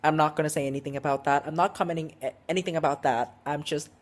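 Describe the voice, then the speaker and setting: A man's voice: a little high, steady tone, quick pace. A sixteen-year-old boy tells a casual vlog story, rambling and restarting, with lots of "like" and "um". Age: teenager, 16. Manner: rambling, heavy with "like" and "um", frequent restarts. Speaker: vlogger.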